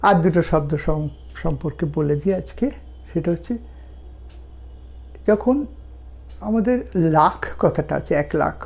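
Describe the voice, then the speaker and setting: A woman gives a language lesson at an unhurried pace. Her voice sits a little low, and she lays out each number separately before explaining the pronunciation rule behind it. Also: expressive, gravelly, a little mellow, lo-fi sound. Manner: counts French numbers slowly one by one, then explains in Bengali. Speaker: language teacher. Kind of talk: slow, deliberate language lesson.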